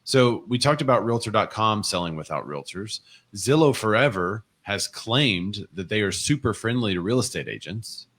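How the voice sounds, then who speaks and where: A man's voice: fairly low pitch, expressive, normal speed, a bit bright. A man co-hosting a casual real estate livestream, chatting and reading viewer comments and news articles aloud. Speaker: co-host of a real estate show.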